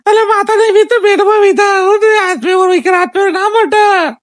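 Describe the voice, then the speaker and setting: Man doing a shrill wailing possessed man. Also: steady tone, brisk, no room sound, studio quality. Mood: moaning. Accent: Gujarati.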